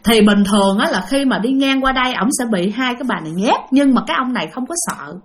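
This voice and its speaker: Brief: female ghost-story narrator, Southern Vietnamese accent, lively and expressive, talks straight to listeners. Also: fairly high pitch, fast talker. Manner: animated, addresses listeners directly. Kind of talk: spoken ghost story telling.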